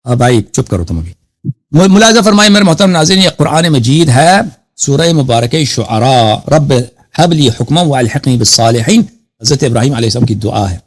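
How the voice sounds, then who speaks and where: Combative man hosting a heated debate. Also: medium pitch. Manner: combative, keeps cutting the caller off; recites Quranic Arabic verses slowly. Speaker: host. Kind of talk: heated live call-in debate.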